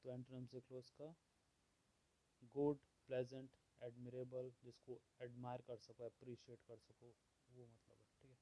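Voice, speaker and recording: A man teaching vocabulary, explaining words and listing their opposites at a steady pace, often checking in with "theek hai". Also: medium pitch, no room sound, poor audio. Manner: slow and measured, repeats "theek hai" often. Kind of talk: explaining word meanings.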